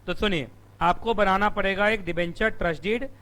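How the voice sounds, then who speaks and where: A male company law teacher, giving a live classroom lecture. He teases the students, asks them questions and answers them himself, and his throat is strained from shouting. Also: sits high, normal speed. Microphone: room mic.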